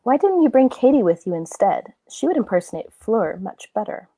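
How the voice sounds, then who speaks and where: A woman voicing a quick, questioning young witch. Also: mid-range voice, animated. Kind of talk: fan voice-acting read-through.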